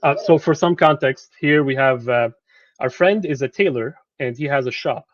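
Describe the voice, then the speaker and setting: A man's voice: medium pitch, normal speed, dry recording, muffled recording. A man presenting a lecture on translation to students, speaking conversationally and often repeating words as he searches for them.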